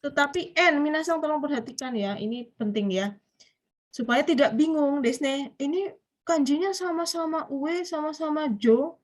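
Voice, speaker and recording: A woman's voice: high-pitched, normal speed. A woman with an Indonesian accent teaching a Japanese grammar class online, explaining step by step and often putting questions to her students.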